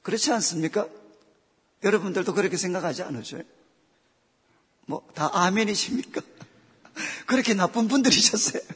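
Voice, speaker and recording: A man's voice: high voice, moderate pace, pauses often, husky, long reverb tail. A man preaching a sermon as pastor, putting questions straight to his congregation. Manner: lively, questions the congregation directly. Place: church sanctuary.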